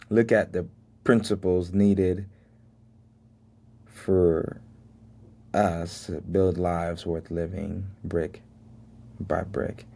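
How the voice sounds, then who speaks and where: A low, warm male voice with vocal fry carries this solo reflective podcast. The host, an American in his twenties whose first language was Haitian Creole, speaks about life lessons in an earnest, faith-filled manner and now and then laughs at himself.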